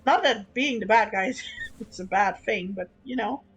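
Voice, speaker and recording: A woman's voice: mid-range voice, moderate pace, faint music behind, poor audio. A woman streamer chatting frankly and casually while she plays, swearing now and then and often restarting her sentences. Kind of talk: casual live-stream chat while gaming.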